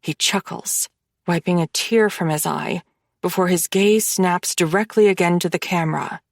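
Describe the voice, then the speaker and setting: A woman narrating a first-person dark romance audiobook in a measured, dramatic way. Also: fairly low pitch, vocal fry, dry recording, clean studio sound.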